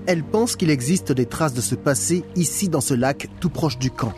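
A man hosting a radio magazine, reading a scripted news narration in a measured, formal way. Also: fairly high pitch, lively intonation, over music.

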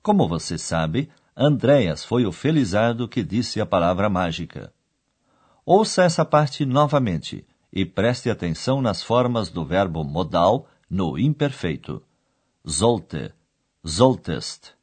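A man hosting a radio language course, explaining clearly in a didactic, scripted narration. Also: lowish voice, sing-song, a little slow, darkish tone.

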